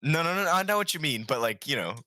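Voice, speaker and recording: A man's voice: on the high side, big pitch swings, quick pace, pushed and bright, no room sound. A man making casual conversation on a close mic in an online voice chat.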